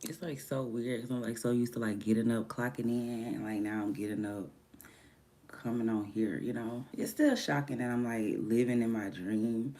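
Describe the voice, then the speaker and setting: A woman who livestreams and makes music chats from home on a morning stream, her voice deeper after just waking. Her rambling holds a moderate pace and fairly even intonation, wandering between soft murmurs and livelier bursts.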